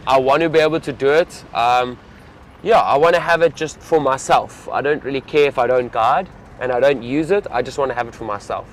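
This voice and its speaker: A man's voice: mid-range voice, a little fast, slight background noise. A young man, a safari field guide, chatting casually and enthusiastically to live-stream viewers from an open vehicle outdoors.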